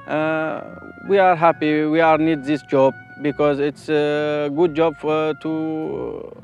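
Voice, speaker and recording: A man speaking in halting, simple phrases with fillers in a documentary interview. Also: fairly high pitch, flat delivery, faint music behind.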